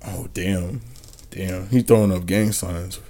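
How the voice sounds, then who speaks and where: A young man co-hosting a podcast, loud and joking, swearing and laughing a lot. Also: low-pitched, steady tone, slow pace. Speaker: podcast co-host. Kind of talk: casual podcast chat.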